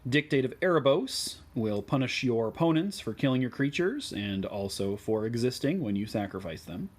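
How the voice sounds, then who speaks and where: A man's voice: medium pitch, moderate pace. Midwestern man talking through card picks. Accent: Midwestern American. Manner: relaxed, many ums and uhs. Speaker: deck tech host. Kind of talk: card game deck explanation.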